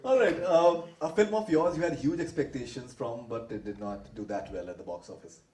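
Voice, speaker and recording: A man's voice: mid-range voice, brisk, mellow, slight background noise. A man with an Indian English accent, hosting and asking questions in a live stage interview. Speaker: host interviewer. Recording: roomy hall, distant mic.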